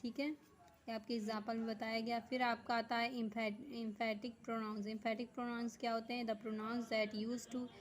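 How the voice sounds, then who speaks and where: A woman teacher giving a grammar lesson, reading definitions slowly word by word, then explaining them quickly. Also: on the high side, flat delivery, slight background noise, rough recording. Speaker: school teacher.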